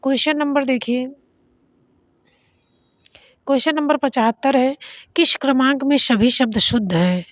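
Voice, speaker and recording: A young woman teacher giving an exam revision lesson, reading out answer options and briskly correcting each word, and speeding up when she announces each question number. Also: high voice, no echo. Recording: dry, dull lo-fi sound.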